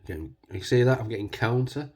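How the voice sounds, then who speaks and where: A man congested with a cold, talking casually and hesitantly as he hosts a hands-on demonstration, his voice husky from man flu. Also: medium pitch, animated, brisk, darkish tone. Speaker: video host.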